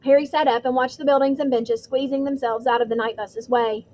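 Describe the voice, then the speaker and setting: Woman reading an audiobook, high voice, steady storytelling, faint hiss. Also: fairly quick, low-quality recording. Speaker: audiobook reader. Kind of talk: audiobook narration.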